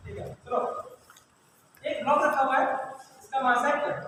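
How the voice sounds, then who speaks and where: High-voiced man teaching physics in an echoey hall. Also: steady tone, normal speed, bright, forceful tone. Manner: checks understanding after nearly every line; mixes English technical terms into Hindi explanation. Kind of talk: classroom lecture. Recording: echoey hall from far off, faint noise.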